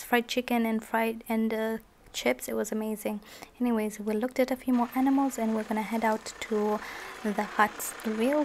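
A woman's voice: fairly high pitch, darkish tone. A young woman chatting enthusiastically to her viewers in a casual travel vlog, filming herself at arm's length outdoors in the wind. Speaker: vlogger. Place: outdoors on windy safari grounds. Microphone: handheld camera at arm's length.

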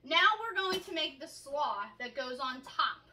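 A woman's voice: sits high, expressive, a little slow, background noise. A woman in her thirties hosting a casual home cooking show, chatty and upbeat as she walks through each step in her kitchen. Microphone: camera across the kitchen counter. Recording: echoey kitchen from a distance.

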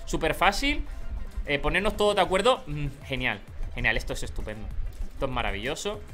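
Young Canarian male streamer, bright, animated delivery, faint game music underneath. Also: a little high, brisk. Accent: Canary Islands Spanish. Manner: animated, swings from calm mutters to loud shouting. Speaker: gaming streamer. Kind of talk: excited live gameplay commentary.

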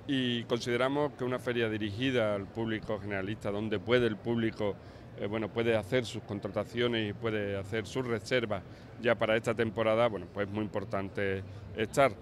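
A man's voice: on the low side, fairly even intonation, moderate pace, a little hiss or hum. A middle-aged man, a tourism official, giving a hesitant press interview with many fillers into handheld mics at a busy indoor trade fair. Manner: hesitant, restarts often, fillers like "bueno, pues". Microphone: handheld press mics held close.

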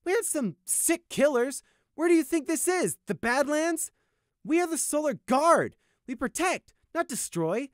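A man voicing a brash, righteous male unicorn guard in an audiobook, cocky and quick to indignation. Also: sits high, lively intonation, no echo, clean studio sound, pitched above the performer's own voice. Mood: outraged.

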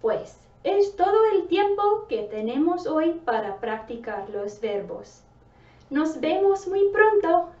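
A woman teacher giving slow, deliberate spoken commands in a vocabulary lesson, theatrical at times with gasps and whispers. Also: very high-pitched, very animated. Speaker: language teacher. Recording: roomy, distant, dull sound.

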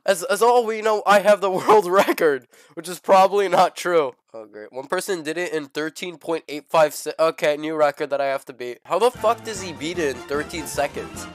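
Young man, sick, gaming streamer, profane, excited shouting, slightly high voice, loud game music. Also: moderate pace, hardly any pauses, no room sound. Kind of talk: gaming livestream commentary. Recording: game music playing loudly behind.

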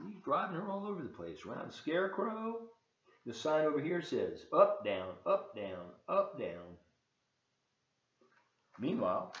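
A man in his 70s, a volunteer storybook reader, reads aloud to children with a very animated pitch, adding asides and explaining the pictures to listeners. He's expressive throughout. The setting is a large open indoor kitchen and living room, and the webcam audio is echoey and slightly dull.

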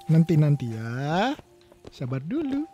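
A playful young man from Indonesia gives joking commentary while he plays. He teases and laughs often. His voice is high and bouncy, and he takes his time. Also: wildly swooping pitch, takes it slowly, lo-fi sound, over music. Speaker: gaming YouTuber.

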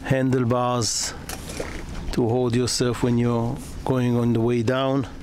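As he films a moored sailboat in a marina, above deck and below, a yacht broker narrates the walkthrough slowly and hesitantly, pausing, using fillers, and restarting sentences. His voice is medium-pitched, a little mellow, with a flat delivery. The camera audio is noisy from being outdoors.

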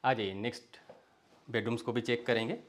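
A young Indian man hosts a real estate walkthrough, moving room to room through the bedrooms of a large villa indoors. His medium-pitched, steady voice is brisk as he invites the viewer along in an easy sales patter, mixing Hindi with phrases. A little hiss or hum is audible.

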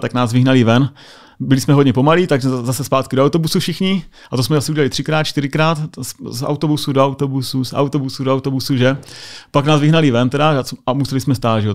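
A Czech man, a US Air Force sergeant, telling anecdotes in a casual interview, full of filler tags. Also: medium pitch. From Czech Republic.

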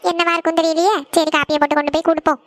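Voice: very high voice, level tone, racing. A performer voicing a busy mother who scolds her daughters and questions her husband. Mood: fussing.

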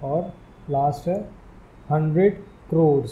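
A man teaches a beginner's English lesson, spelling each number out letter by letter. He talks slowly in a fairly high but very mellow voice, patient and deliberate. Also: lo-fi sound. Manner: spells words letter by letter, slow and careful.

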